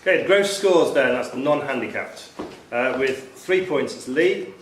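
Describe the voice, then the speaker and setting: At a pub-style quiz event in a club room, a man serving as quiz master reads questions and scores aloud to the room. His mid-range voice is animated and at normal speed. The audio has room echo, a distant mic and faint noise.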